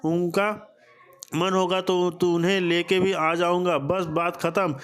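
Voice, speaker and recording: A man voicing a calm, placating husband. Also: high voice, a little slow, smooth.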